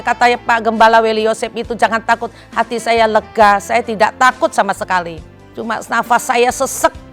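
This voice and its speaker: A middle-aged woman with an Indonesian accent, giving an emotional personal testimony in church. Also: a little high. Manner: emotional, heartfelt storytelling, pleading in recalled prayer.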